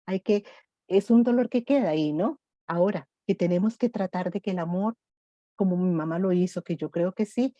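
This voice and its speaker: A middle-aged woman speaking gently and reflectively in an online grief workshop. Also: lowish voice, no room sound. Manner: gentle, reflective, personal examples.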